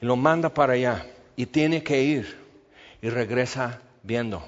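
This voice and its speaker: Male preacher, measured teaching sermon, average pitch, recorded with long reverb and muffled highs. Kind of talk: expository Bible sermon. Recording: long reverb, dull lo-fi sound.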